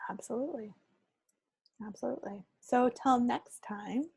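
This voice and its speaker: A co-host of a knitting and crafts podcast chats in a friendly, unscripted way. Her fairly high voice is husky and darkish with vocal fry, moving at a moderate pace in a dry recording.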